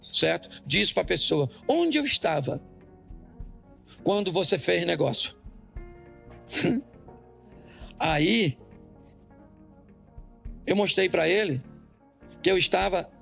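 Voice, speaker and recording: A man with a Brazilian Portuguese accent preaching an animated, joking sermon, firing questions at the congregation. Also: sits high, gravelly. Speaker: pastor. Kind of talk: lively church sermon with audience call-and-response. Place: church service.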